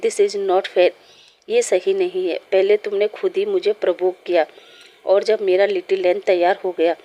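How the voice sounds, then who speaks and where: A woman's voice: mid-range voice, little pitch movement, measured pace, dark tone, close to an everyday voice. A woman reading as a pushy, teasing male lover. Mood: pleading, teasing. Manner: pleading, teasing and insistent.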